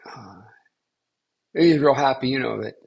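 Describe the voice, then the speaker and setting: Gravelly, halting older man telling a story. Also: mid-range voice, darkish tone. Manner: rambling, halting, with many restarts and fillers. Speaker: spiritual teacher. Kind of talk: casual storytelling in a class.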